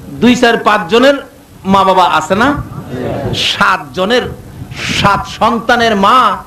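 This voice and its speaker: High-pitched preacher man, echoey and distant. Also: noisy background. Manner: sing-song rising to shouts, acts out dialogue. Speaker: waz preacher. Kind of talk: Bengali waz sermon with storytelling. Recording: echoey amplified sound from far off.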